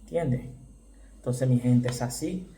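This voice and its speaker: A Dominican man with a Dominican Spanish accent preaches a fervent sermon, repeating phrases for emphasis and suddenly shouting exclamations. His medium-pitched voice is a little slow, and the recording is reverberant with slight background noise.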